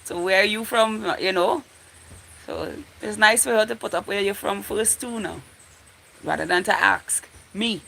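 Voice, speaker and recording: The audio is poor, with slight background noise, and her medium-pitched voice sounds gravelly, pushed and bright, her pace a little slow. She is a woman in her forties with a Trinidadian accent, casually talking to viewers on a livestream and looping back over the same phrases as she thinks aloud.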